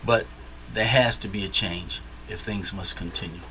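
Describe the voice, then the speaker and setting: A man's voice: sits low, fairly even intonation, normal speed, background noise. A man from Detroit, a guest in a casual interview, who speaks emphatically and repeats phrases for stress. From Detroit, USA.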